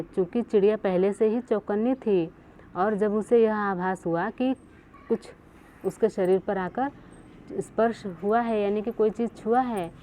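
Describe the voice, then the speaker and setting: A woman's voice: mid-range voice, mellow, slight background noise. A woman teacher reads a Hindi lesson aloud and then explains each line again in simpler words. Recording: tinny phone-like recording.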